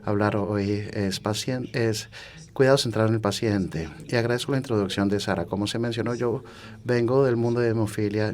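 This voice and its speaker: A man with a fairly low voice interprets a conference talk. His delivery is measured, coming in halting phrases with occasional self-corrections. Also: darkish tone. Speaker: simultaneous interpreter.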